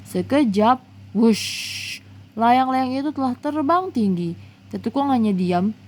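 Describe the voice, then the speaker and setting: A woman's voice: a little high, animated, slow pace, a little mellow, a little hiss or hum. A woman reading a storybook aloud to her child, with chatty, playful asides in between.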